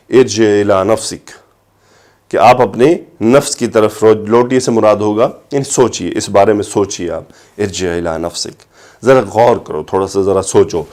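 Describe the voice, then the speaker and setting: A man teaching Arabic grammar of scripture in a lecture, reciting phrases slowly and then explaining them, lifting his voice to stress a point. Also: on the low side, a little mellow.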